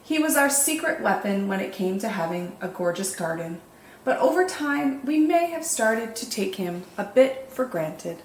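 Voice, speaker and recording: As a children's storytime host, a woman reads picture books aloud expressively and deliberately, drawing out words for dramatic emphasis. Her voice is mid-range, and the recording has an echoey room with faint background noise.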